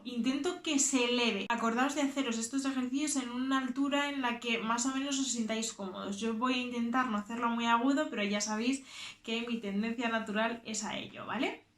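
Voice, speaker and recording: A woman from teaching a choir vocal lesson, explaining technique slowly and demonstrating sung exercises and animal sounds. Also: fairly high pitch, steady tone, fairly bright tone, roomy sound.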